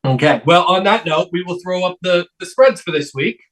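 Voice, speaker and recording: Male podcast host, slightly high voice, loose conversational sports-betting talk, thinks aloud as he goes. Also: expressive, normal speed, a bit bright, far from the mic. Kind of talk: casual sports betting chat.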